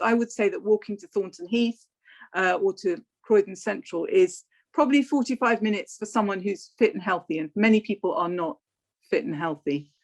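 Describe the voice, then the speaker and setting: A woman hosting a local candidates' debate, asking questions with many hesitant fillers. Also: mid-range voice. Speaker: debate host.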